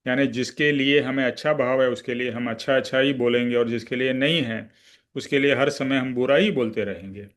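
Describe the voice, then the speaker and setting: A man's voice: mid-range voice, a little fast. Man explaining a spiritual lesson patiently. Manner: explains patiently, mixing in English words; checks in with the class with "hmm?". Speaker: spiritual teacher. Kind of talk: religious study-class talk.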